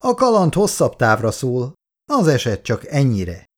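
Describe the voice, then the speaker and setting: A man's voice: medium pitch, wildly swooping pitch, voice pushed up. A man doing a sneering, smug office clerk. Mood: mocking. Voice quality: mocking, smug.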